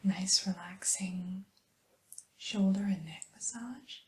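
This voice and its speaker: A woman whispering softly and soothingly as a spa receptionist in an ASMR roleplay, with gentle hesitant pauses. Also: mid-range voice. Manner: soft unvoiced whisper, slow and soothing.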